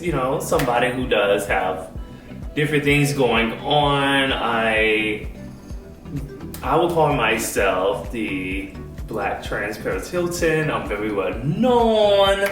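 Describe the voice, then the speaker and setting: A man introducing himself as a reality show cast member, hesitant and halting. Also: mid-range voice, fairly bright tone, distant mic. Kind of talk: casual self-introduction. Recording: echoey room with faint music.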